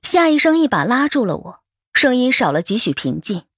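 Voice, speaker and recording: A woman reading a first-person story aloud as an audiobook narrator, expressive in her telling. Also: on the high side, normal speed, husky, no room sound, clean studio sound.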